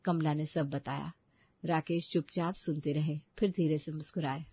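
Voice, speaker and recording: A woman narrating a family moral story in an even, measured way. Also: low-pitched, husky, highs cut off.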